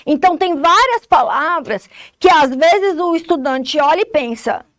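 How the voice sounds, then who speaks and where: In a recorded lesson, an English teacher with a high, fairly bright voice and a Brazilian Portuguese accent explains each point step by step, checking understanding with short tags. She is expressive and keeps a measured pace. The sound is close and dry, with no room sound.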